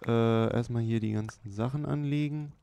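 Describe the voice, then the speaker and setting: A man hosting a let's play, giving unhurried, chatty running commentary with many fillers. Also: medium pitch, dark tone, no echo. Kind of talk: casual gameplay commentary. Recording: clear background hiss.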